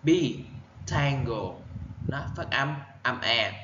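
A Vietnamese-accented man teaching English for an exam, speaking at an unhurried pace and saying each word out with care. His voice sits in an ordinary middle pitch. It has the roomy, slightly dull sound of a simple setup, with faint noise behind it. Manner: reads answer options slowly, then explains in quick bursts; repeats English words carefully for pronunciation. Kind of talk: exam-prep English lesson.

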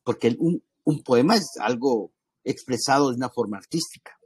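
Husky man teaching a class. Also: mid-range voice, animated, normal speed, dry recording. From Guatemala. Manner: conversational, addresses listeners as brothers, many restarts and asides. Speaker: ministry school teacher. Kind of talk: informal Bible class lecture.

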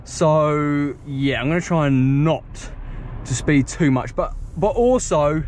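While driving, a young British car vlogger talks to viewers in a casual, rambling way, filmed on a head-mounted action camera in the car. He speaks slowly in a slightly high, slightly mellow voice, with a little hiss or hum on the recording.

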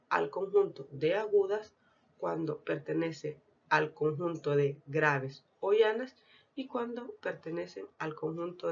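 A woman teacher talks through a prepared lesson as a voice-over for slides. Her voice has a gravelly, creaky edge, and she speaks in a deliberate, explanatory way. The lo-fi recording sounds dull and muffled. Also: mid-range voice. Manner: deliberate, explanatory, reads out lists of example words. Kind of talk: scripted lesson narration.

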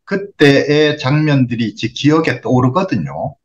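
A man, a counselor explaining calmly and patiently on a phone consultation, acting out example phrases. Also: medium pitch, measured pace, lo-fi sound. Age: 60s.

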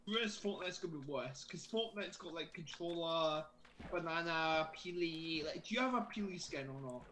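A man's voice: a little high, expressive, normal speed, sharp tone, poor audio. A Scottish man chatting casually while gaming, swearing a lot and rambling repetitively in a drunken way. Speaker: gamer playing Minecraft with a friend.

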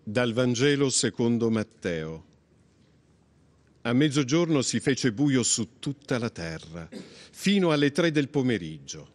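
A man announcing the stations and reading the Gospel in a calm, deliberate way. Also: medium pitch. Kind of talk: solemn scripture reading.

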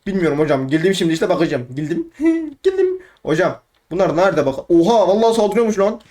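An excitable young man narrating his gameplay, jumping from low mutters to yelping highs as he taunts rivals. He rambles and talks to himself between fights in a casual gaming commentary. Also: a little fast. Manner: excitable, trash-talking, shouts at opponents. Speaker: gaming YouTuber. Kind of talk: let's play commentary.

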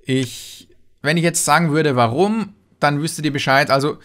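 A man's voice: normal speed, a bit bright. A man doing casual gaming commentary, chatting and answering viewer messages as a let's player. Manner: chatty, jumps in pitch when reading names.

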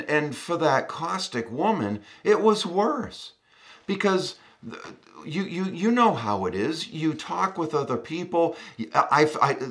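Lively-pitched pastor man preaching. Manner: conversational, repeats words when starting; ends in a quiet closing prayer. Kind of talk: sermon.

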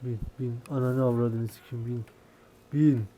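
A young man commentating his gameplay, sick with a worn voice, swearing in frustration and bursting into shouts. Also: medium pitch, steady tone, measured pace, a little hiss or hum. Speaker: gaming YouTuber.

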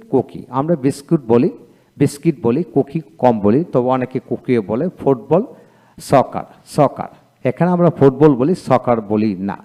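A man giving a video lecture on pronunciation, reading word pairs aloud in a drawn-out, repetitive way with hesitant fillers between items. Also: mid-range voice, dark tone. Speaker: English teacher.

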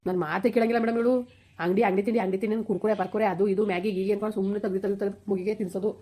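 A woman playing a poor, worried village father who pleads rapidly with the doctor and snaps at his wife in an amateur skit. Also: mid-range voice, fairly even intonation, mellow, natural voice.

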